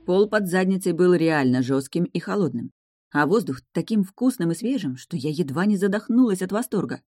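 A woman's voice: fairly low pitch, animated, moderate pace, darkish tone, no room sound. A woman narrating a first-person audiobook in a wry, sardonic way, close to the mic.

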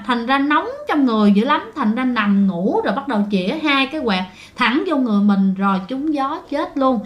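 Southern vietnamese woman telling ghost stories, chatty, slightly high voice. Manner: chatty, addresses listeners often. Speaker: storyteller. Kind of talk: casual ghost story telling.

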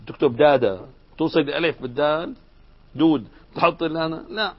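A man teaching a classroom grammar lesson, explaining lively and asking his students questions. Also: on the high side, a little fast, highs cut off.

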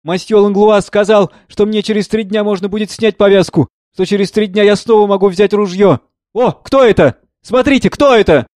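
A man's voice: sits high, moderate pace, darkish tone, dry recording, clean studio sound, voice pushed up, close to an everyday voice. A man reading the part of a wounded young son who speaks in an eager, urgent rush.

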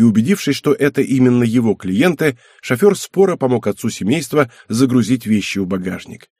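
A man narrates an audiobook in a steady, measured way. His voice is husky and sits at a middle pitch, recorded dry and close. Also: no echo. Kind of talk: scripted narration.

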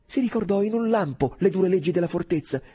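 A man reading a novel aloud as an expressive, dramatic audiobook narration. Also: high voice, fast talker, husky. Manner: expressive, wide-ranging delivery. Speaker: audiobook reader.

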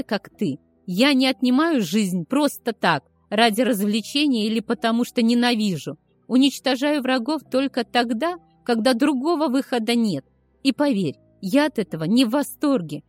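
Woman reading a fierce young werewolf heroine, sharp and biting. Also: medium pitch, dry recording. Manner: fierce, biting, growled retorts.

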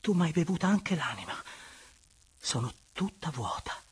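A man voicing a playful, tender young woman lover in a breathy, whispered way in a literary audiobook. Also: on the high side, big pitch swings, a little slow, no echo, exaggerated voice. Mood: breathless.

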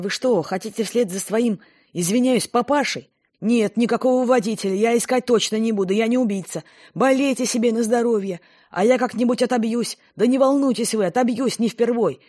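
A woman reading an audiobook voices a tactless young male assistant who whines and argues loudly. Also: mid-range voice, brisk, breathy edge, natural voice. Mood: brash whining. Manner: loud, pushy and whining.

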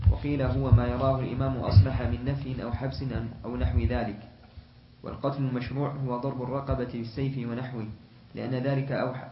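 Quick man reading a classical text aloud. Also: medium pitch, echoey room, muffled recording, very noisy. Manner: quick recitation with restarts on words.

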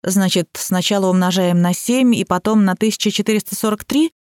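A woman's voice: medium pitch, a little fast, smooth, dry recording, studio quality, close to an everyday voice. A woman voicing a literal-minded, self-important man who mumbles his lines without irony. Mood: deadpan. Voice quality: mumbling, deadpan.

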